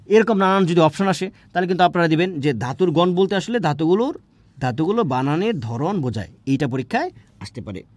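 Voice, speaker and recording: A man teaching an exam-prep grammar lesson, asking questions and answering them himself, drawing words out slowly. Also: a little high, a little mellow, no echo.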